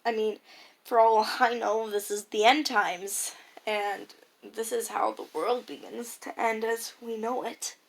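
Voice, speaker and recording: On a rough recording, a teenage girl in her first year of high school speaks unhurriedly in a higher-pitched voice. Her personal audio diary is casual and reflective, full of hesitant musing that occasionally trails away.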